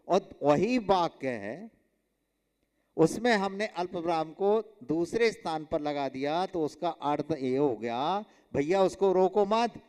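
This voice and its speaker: A man, a monk, teaching a religious class in a slow, emphatic way, repeating examples and putting questions to his students. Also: high voice, darkish tone, clean tone. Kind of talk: explanatory religious lesson. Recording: long hall reverb.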